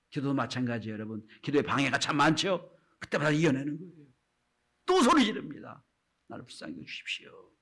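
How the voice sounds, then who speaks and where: A man preaching a sermon to his congregation as pastor, often turning to address them, his delivery swinging between loud calls and hushed whispers. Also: on the high side.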